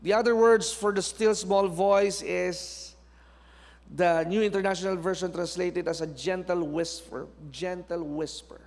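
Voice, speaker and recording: A man from the Philippines preaching a sermon as pastor, mixing two languages and moving between soft prayer and loud, animated preaching. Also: sits high, a little slow. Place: church sanctuary. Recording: long church hall reverb.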